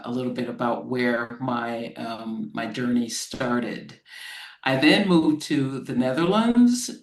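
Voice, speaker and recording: An American woman from Florida, a lawyer speaking as a guest and explaining things slowly and plainly for English learners over a video call. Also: extremely low pitch, roomy sound, rough recording. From Florida, United States. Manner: measured, explains terms plainly.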